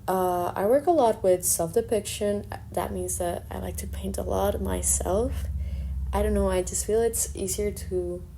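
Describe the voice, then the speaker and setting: A young artist and fine arts student with a Colombian accent, native in Spanish, introduces herself in a relaxed, reflective way. Her medium-pitched voice is warm, a little slow and has vocal fry, with slight background noise.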